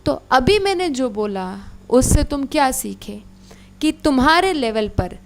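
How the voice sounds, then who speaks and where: High-voiced woman teaching biology. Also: a little slow. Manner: animated, addresses students as beta, asks checking questions. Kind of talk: online exam-prep lecture.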